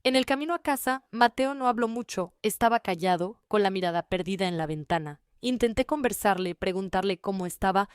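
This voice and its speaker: A woman reading a first-person family story in an even, measured way. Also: mid-range voice, clean tone, no room sound, studio quality. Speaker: narrator.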